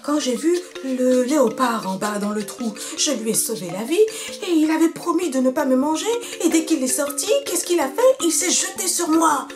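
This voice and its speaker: A woman voicing a small, brave male monkey who insists in a high, quick voice. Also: lively intonation, lightly acted. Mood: indignant. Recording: music playing behind.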